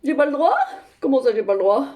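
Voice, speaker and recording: A woman's voice: high-pitched, expressive, fast. A woman playing an exasperated older grandmother in a one-sided phone call sketch, ranting dramatically and tagging nearly every phrase with "hein". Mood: fuming. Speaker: comic monologue performer.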